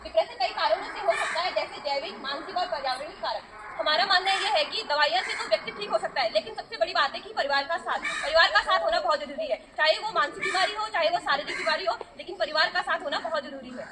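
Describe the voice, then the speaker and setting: A woman's voice: very high voice, fast talker. A young woman with an Indian accent presenting as a nursing student in an educational street play, projecting her voice. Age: young adult. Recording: noisy outdoor crowd recording.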